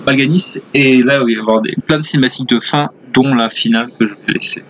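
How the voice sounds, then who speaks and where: A man's voice: mid-range voice, quick pace, a bit bright, muffled recording, a little hiss or hum. A man hosting a gaming video with casual, rambling commentary. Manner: rambling, chatty. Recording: faint game ambience behind voice. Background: video game sounds.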